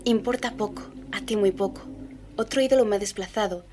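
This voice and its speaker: A man voicing a grieving young woman in a radio story reading, speaking softly and reproachfully. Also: high-pitched, fairly quick, pitched above the performer's own voice, lightly acted. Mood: sorrowful.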